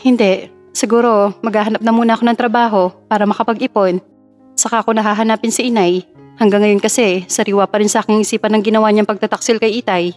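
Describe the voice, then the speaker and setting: A woman voicing a feisty, sharp-tongued young woman in her twenties in an audio story. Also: medium pitch, fairly even intonation, fast talker, faint music behind, close to an everyday voice. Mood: earnest. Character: feisty young woman, fresh college graduate.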